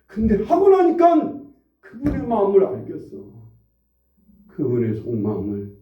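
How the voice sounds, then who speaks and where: A pastor in his forties preaching a conversational sermon in a church, swinging between hushed asides and loud, high outbursts. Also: huge pitch swings, a little slow. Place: church sanctuary. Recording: roomy, distant, dull church recording.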